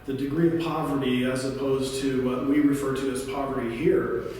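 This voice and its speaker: A man reflects thoughtfully on his deployment, pausing with fillers. His pitch is ordinary. The sound is roomy, with a long hall reverb. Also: level tone, a little mellow. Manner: thoughtful, hesitant. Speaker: veteran. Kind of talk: interview reflection. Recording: echoey hall.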